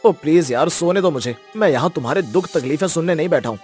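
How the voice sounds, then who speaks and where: A woman's voice: deep voice, animated, fast, a little mellow, soft background music. A woman voicing an impatient, dismissive young husband in a cartoon story, who speaks curtly. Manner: curt, impatient.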